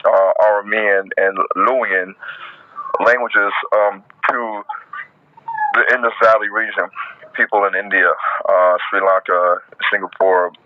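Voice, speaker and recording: A man's voice: lowish voice, steady tone, unhurried. A man who is an author and guest, explaining and listing things in a casual audio-room discussion. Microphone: phone in an audio chat app. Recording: tinny phone-like line.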